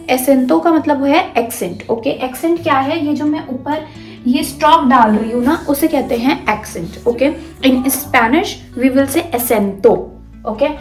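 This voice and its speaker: Woman, patient language teacher, high voice, slow delivery, roomy sound. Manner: slow, repeats words for learners to copy. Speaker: Spanish teacher. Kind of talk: beginner language lesson. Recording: roomy sound with soft background music.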